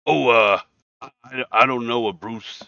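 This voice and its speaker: A man voicing a boisterous, overfriendly leader of an anti-drink protest group, talking loudly and rambling. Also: mid-range voice, takes it slowly, gravelly, no echo, highs cut off, heavily acted. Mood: eager.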